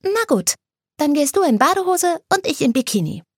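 A woman's voice: high-pitched, sing-song, normal speed, dry recording, studio quality, voice pushed up. A woman reading a story aloud, voicing a bubbly, eager teenage schoolgirl who gushes over fashion. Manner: eager, gushing.

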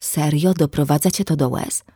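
A woman reading the lines of a sly, mocking young man who speaks softly and deceptively gently, in an audiobook. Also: low-pitched, moderate pace, husky, no room sound, studio quality.

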